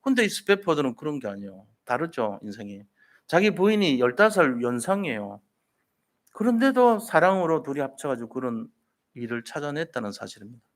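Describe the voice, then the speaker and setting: A man's voice: mid-range voice, very animated, a little fast. A man preaching a sermon as a pastor, telling a story and putting rhetorical questions to the congregation.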